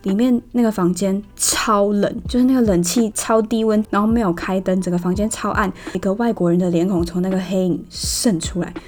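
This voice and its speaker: A woman with a Taiwanese Mandarin accent, hosting a casual storytelling podcast and telling it in a chatty, animated way. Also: medium pitch, brisk, few pauses. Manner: chatty and animated, laughing at her own stories. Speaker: podcast host.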